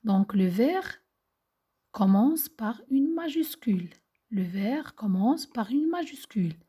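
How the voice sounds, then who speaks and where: A woman teacher talks young children through a lesson at a very slow, careful pace. Her voice is breathy and half-whispered, a little high and mellow, and she repeats and explains each simple word. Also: lively intonation. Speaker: primary school teacher.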